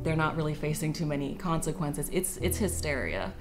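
A woman's voice: sits low, animated, fairly quick, faint music behind. A young woman, a stand-up comedian, speaking bluntly and opinionatedly in a documentary interview. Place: room with brick wall.

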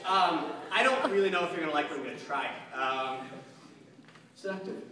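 Young man, high voice, stand-up comedy, rambling asides, far-off hall recording, crowd laughter. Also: normal speed. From Long Island, New York. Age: young adult. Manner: lively, scattered asides with many fillers. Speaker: stand-up comic. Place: large hall stage with live audience. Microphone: handheld mic, filmed from far seats.

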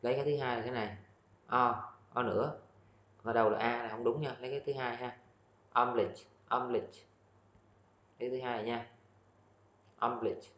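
A man's voice: mid-range voice, fairly even intonation, a bit bright. Man teaching pronunciation in an echoey room. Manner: repeats words slowly and explains pronunciation patiently. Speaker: English teacher. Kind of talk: pronunciation lesson. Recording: echoey, dull lo-fi room sound.

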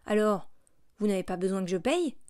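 A woman's voice: medium pitch, animated, moderate pace, warm tone, no echo, clean studio sound, close to an everyday voice. A woman reading a poor, weary male vagabond who speaks humbly and earnestly in an audiobook. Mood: humble, grateful.

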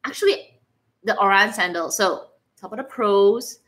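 A measured, mid-range female voice with a Singaporean accent carries this laid-back livestream from a living room. The host is animated and playful, wandering from topic to topic and answering viewers' comments aloud.

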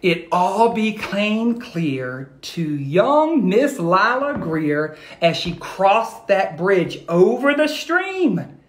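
A middle-aged educator reads aloud expressively to young listeners, addressing them directly and encouragingly. His voice sits high, is very animated, and moves extremely slowly. It was captured on a phone video in an echoey room at home.

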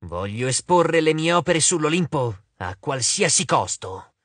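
A shrill giant spider woman, as a male narrator puts her on, vain and quick to take offence. Her voice jumps high and swings wildly as she shrieks her demands. This is a storybook reading in a dry, close room. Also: very animated, dry recording. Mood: indignant.

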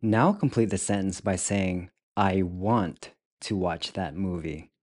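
A man teaching a beginner language lesson, speaking deliberately and repeating each word several times. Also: low-pitched, darkish tone, no room sound.

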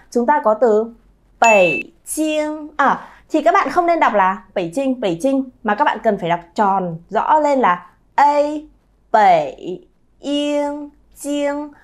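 Lively woman teaching pronunciation. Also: a little high, a little hiss or hum. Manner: lively, stretches sounds to model pronunciation. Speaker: Chinese teacher, channel founder. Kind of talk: pronunciation lesson to camera.

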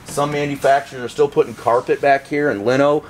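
A middle-aged man guiding a factory tour, talking casually and agreeing often with quick yeps. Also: mid-range voice, steady tone, reverberant. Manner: affirming with frequent yeps. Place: large indoor vehicle factory. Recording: noisy factory floor.

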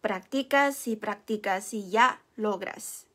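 A woman's voice: mid-range voice, slow, fairly bright tone. A young woman whose first language is Chinese, giving a patient, encouraging Mandarin lesson and demonstrating sounds. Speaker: Mandarin teacher. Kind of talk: live online language lesson.

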